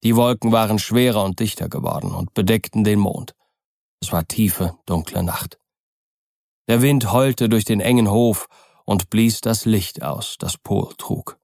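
A man reading a novel aloud as narrator, in a measured, steady way with a gravelly voice. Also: fairly low pitch, no room sound, clean studio sound. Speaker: audiobook narrator. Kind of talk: scripted narration.

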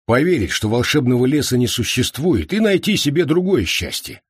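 Man voicing calm menacing man, slow, haughty, husky voice, dry recording. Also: mid-range voice, no room sound, voice pushed up. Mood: languid. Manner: calm, unhurried, slightly haughty. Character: calm, broad-shouldered man, aloof and menacing.

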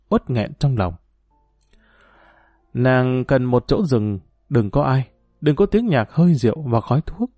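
A man narrating a story in a measured, emotive reading. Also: medium pitch, mellow, dry recording, studio quality. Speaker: audiobook narrator.

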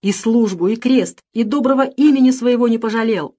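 Woman doing a furious hot-tempered gentleman. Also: on the high side, lively intonation, normal speed, pitched above the performer's own voice. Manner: shouting, indignant.

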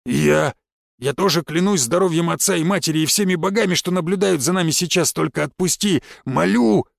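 A man's voice: fairly high pitch, takes it slowly, gravelly, dry recording, full character voice. A cornered young bully, as a male narrator puts him on, desperate and pleading in a raised voice. The reading is dry and close, as in an audiobook.

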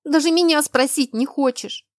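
A woman's voice: mid-range voice, lively intonation, moderate pace, a little mellow, no echo, clean studio sound, close to an everyday voice. A woman reading a storybook voicing a young werewolf woman who is pregnant, stubborn and tearful, with pleading and sulky outbursts. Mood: defiant.

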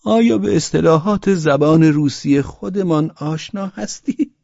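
A man voicing a drunk, pleading middle-aged man with a high, wailing whine. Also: creaky, darkish tone, no echo, lo-fi sound. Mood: spiteful.

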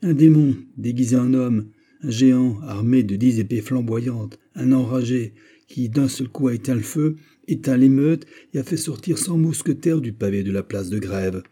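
A man voicing a rough male messenger who reports a failed raid in an urgent, breathless way. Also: fairly low pitch, moderate pace, dark tone. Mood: agitated.

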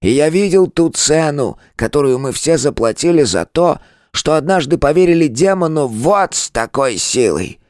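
A man's voice: a little high, animated, dry recording, studio quality, voice pushed up, close to an everyday voice. A man voicing an ancient, stubborn turtle elder. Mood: impassioned. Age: older. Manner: impassioned, loud, drawn-out.

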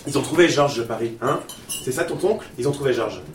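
An actor playing an anxious, excitable young man who keeps pressing with questions. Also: medium pitch, quick pace, roomy sound, far from the mic, slight background noise, lightly acted.

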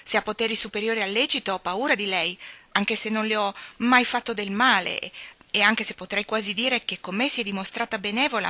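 A woman's voice: mid-range voice, sharp tone, no room sound, lightly acted. A woman reading the part of a timid, devout young woman who speaks fearfully, in an audiobook story. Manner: fearful, pleading.

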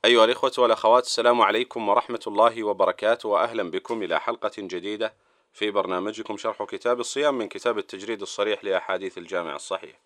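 Man, programme host, formal Standard Arabic, rapid presenting, close dry recording. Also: lowish voice, steady tone, fairly bright tone, dry recording.

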